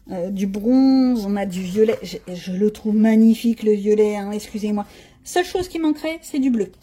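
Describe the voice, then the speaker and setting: A middle-aged woman with a warm, mid-range, slightly rough voice chats casually while showing off her art supplies. It's relaxed show-and-tell: she thinks out loud as she demonstrates, tossing in frank, slangy asides.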